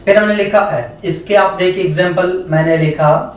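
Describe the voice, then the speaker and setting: A man teaching a phonetics lesson in a Hindi accent, slowly repeating words and sounds one by one as he transcribes them. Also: sits high, a little hiss or hum. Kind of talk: phonetics lesson for exam students. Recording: echoey room, voice from far off the mic.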